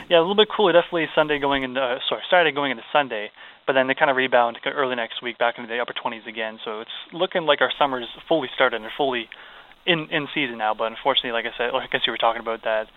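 Quick-talking forecaster, man on phone line. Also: medium pitch. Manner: informal, hesitant, chatty. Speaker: weather forecaster. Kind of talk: casual live weather chat. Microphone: phone call.

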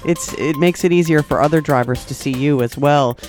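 A man's voice: fairly high pitch, brisk, darkish tone, faint music behind. A man giving a chatty, informal live traffic report on the radio.

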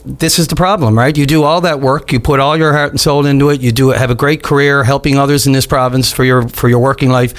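Male call-in radio host, smooth on-air delivery, slightly high voice, reassuring, cuts in often. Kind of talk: talk radio call-in hosting.

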